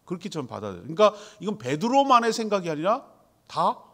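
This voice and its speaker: A man's voice: sits high, sing-song, fast, a bit bright. A man preaching a sermon in a conversational way, asking the congregation questions and answering them himself. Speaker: pastor.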